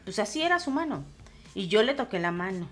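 A woman, a podcast co-host earnestly recounting a personal ghost story in an unhurried way. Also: medium pitch, big pitch swings.

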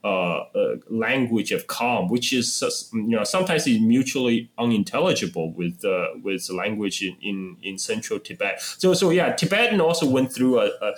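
A man in casual political discussion as a podcast co-host, speaking in a halting, opinionated, conversational way. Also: lowish voice, expressive.

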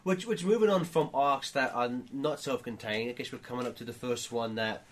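A man's voice: medium pitch, brisk. A man co-hosting a casual podcast chat, often stammering and restarting his sentences. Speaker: podcast co-host.

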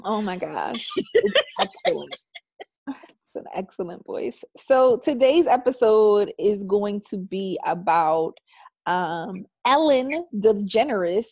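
A woman's voice: medium pitch, expressive, takes it slowly, darkish tone, slightly rough, dry recording. Woman podcast host, chatty and upbeat; dry close sound. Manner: chatty, laughs often. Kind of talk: casual podcast chat.

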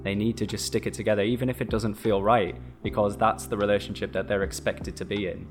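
A man's voice: lowish voice, little pitch movement, fast talker, over music. A young man co-hosting a casual chat, talking in a reflective, rambling way. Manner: reflective, rambling, laughs easily. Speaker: podcast co-host.

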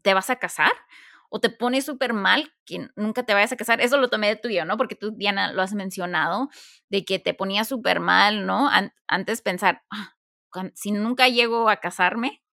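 A woman co-hosting a faith-based podcast chat, animated, acting out quoted thoughts and putting questions to her listeners. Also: medium pitch, moderate pace, vocal fry, no echo, studio quality. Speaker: podcast co-host.

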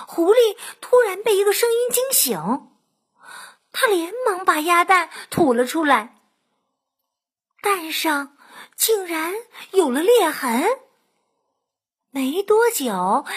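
A woman narrating a children's bedtime story in a gentle, drawn-out way. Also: sits high.

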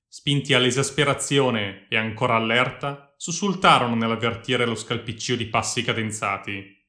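A man narrates a story in a dramatic, measured audiobook style. His voice is mid-pitched with a bright, sharp edge. It is recorded in an echoey room.

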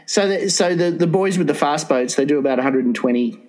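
A man's voice: a little high, brisk, darkish tone. An Australian man telling a comic anecdote in casual chat, rambling and digressing like a scattered lecturer, with plenty of swearing.

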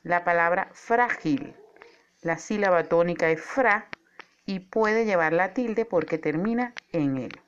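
A woman teacher giving a scripted spoken lesson, with a clear, measured delivery that slows down to stress key words. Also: fairly low pitch, muffled recording, a little hiss or hum.

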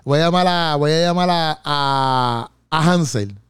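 A man's voice: fairly high pitch, measured pace, a bit bright, smooth, dry recording, studio quality. A man co-hosting a podcast in casual chat, bantering playfully and repeating himself as he talks. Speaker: podcast co-host.

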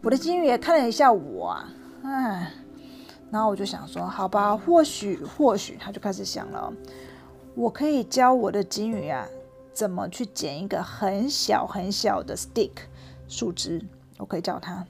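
Brief: woman reading a kids' story, conversational, soft guitar underneath. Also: medium pitch, big pitch swings, normal speed, gravelly. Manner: warm and chatty, asking the listener questions, mixing in English words. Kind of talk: animated storytelling for children.

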